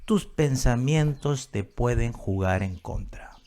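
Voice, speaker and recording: A man's voice: animated, slow, darkish tone. A man preaching a Bible-study sermon as pastor, speaking emphatically and addressing listeners directly as beloved brothers. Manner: emphatic preaching, rising on scripture commands and dropping low on asides.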